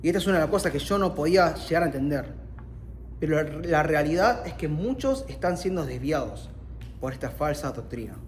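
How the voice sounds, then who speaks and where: Argentine man preaching, higher voice. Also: animated, fairly quick, a little hiss or hum. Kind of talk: sermon.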